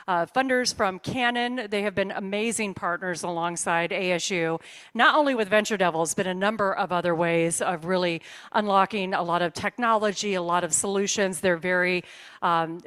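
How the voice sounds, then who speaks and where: A woman's voice: mid-range voice, a bit bright, clean tone. A woman hosting a live awards ceremony, upbeat and full of praise. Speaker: event host.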